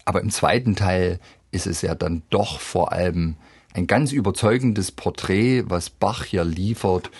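A man explaining a Bach cantata on the radio in a measured, explanatory way. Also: low-pitched, a little mellow, breathy edge, dry recording, studio quality. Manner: measured, explanatory, quotes sung text in a lifted voice. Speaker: music expert guest.

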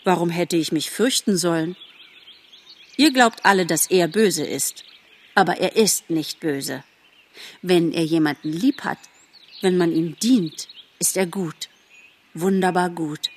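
A woman voicing a boastful, earnest young male deer in a spoken storybook, with a somewhat husky tone. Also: lowish voice, unhurried, long pauses.

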